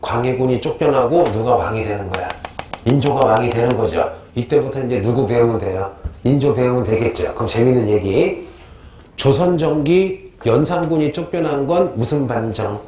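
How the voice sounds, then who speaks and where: A middle-aged male history teacher giving a lively lecture, quizzing his students with call-and-response questions. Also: mid-range voice, moderate pace. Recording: echoey room, faint noise.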